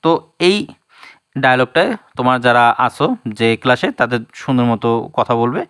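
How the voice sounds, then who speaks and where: A man's voice: medium pitch, lively intonation, a bit bright, clear, resonant tone, no echo. Patient male teacher, dry close sound. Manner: explains patiently, repeats words slowly, then translates. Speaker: primary school English teacher. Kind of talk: online lesson explaining English in Bengali.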